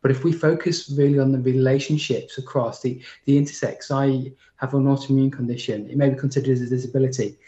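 A man's voice: mid-range voice, level tone, fast, hardly any pauses, dark tone, muffled recording. Panel guest, man in his forties from the UK, earnest and formal, in a reverberant room. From United Kingdom. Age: 40s. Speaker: guest speaker.

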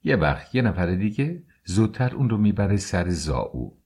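An older woman from an audiobook tale, anxious and pleading as she fusses over a young relative, voiced by a man. Her voice sits deep and husky. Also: sing-song, a little mellow, heavily acted. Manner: pleading, fussy.

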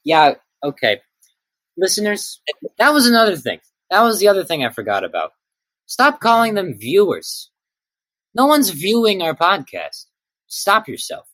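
A man in his late teens co-hosting a podcast, dry and deadpan as he corrects his friend in casual chat. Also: sits high, a little slow, no room sound, poor audio. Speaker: podcast co-host.

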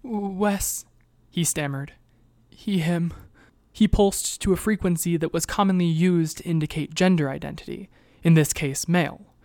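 Audiobook narrator, steady even storytelling, close mic, dry dead room. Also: medium pitch, brisk, few pauses, dry recording.

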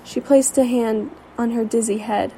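A woman's voice: on the high side, steady tone, moderate pace, mellow, a little hiss or hum, poor audio. A woman reading a fantasy story aloud, with occasional slips and restarts. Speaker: reader. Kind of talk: storybook narration.

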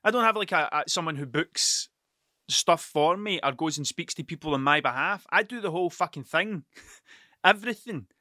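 A man's voice: a little high, expressive, normal speed, sharp tone, no echo, studio quality. A tired man rambling through a solo podcast, swearing often and stuttering over his words. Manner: sweary, stuttering, restarts sentences. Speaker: podcast host and mural painter.

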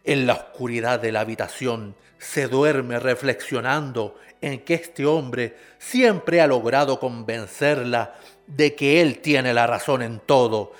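A man giving measured, somber narration for a radio drama. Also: medium pitch, faint music behind. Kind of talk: scripted narration.

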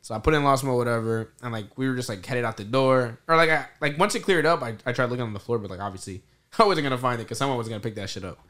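Bright-voiced frat bro guy telling stories. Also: medium pitch, very fast. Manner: frat bro, slangy and profane bro talk. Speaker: podcast host. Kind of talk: casual chat, animated anecdote.

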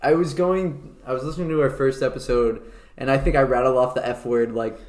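Young man, podcast co-host, rapid casual chatter full of swearing and "dude", recorded in an echoey room. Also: medium pitch, fairly even intonation, darkish tone. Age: young adult. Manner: fast-talking and profane, says "dude" a lot. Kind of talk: casual chat.

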